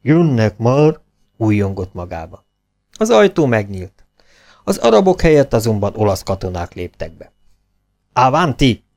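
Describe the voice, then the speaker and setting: A man reading a children's audiobook aloud, expressive, dropping his voice on the narration tags. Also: on the low side, creaky. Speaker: audiobook reader.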